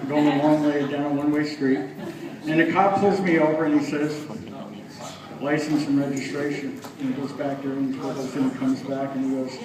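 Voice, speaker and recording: Self-mocking stand-up comic, echoey club. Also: male voice, a little high, distant mic. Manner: chatty, self-mocking, teasing the audience. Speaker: stand-up comedian. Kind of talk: stand-up comedy set. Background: audience laughing.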